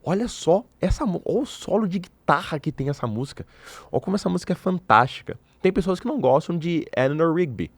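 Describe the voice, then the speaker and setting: A man's voice: fairly high pitch, fast, no room sound. Opinionated Brazilian man, dry close sound. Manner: animated, opinionated, playfully provocative. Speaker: podcast host. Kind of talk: casual commentary to camera.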